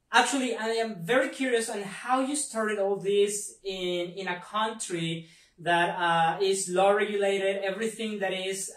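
A man hosting an interview, asking formal questions in a halting way and repeating words. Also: high-pitched, a bit bright, recorded from a distance. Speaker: host, interviewer. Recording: echoey room, away from the mic.

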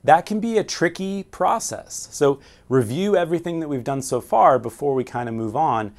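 His voice slightly high and expressive, a man in his forties teaches navigation at a whiteboard at a normal speed. The small room around him holds framed pictures and signal flags, and he moves step by step, asking questions and then answering them.

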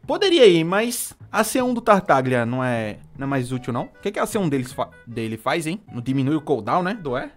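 Brazilian man streaming, animated, fairly high voice, quiet music underneath. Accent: Brazilian Portuguese. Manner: excitable, pleading and groaning at results. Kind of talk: live gacha-pull commentary.

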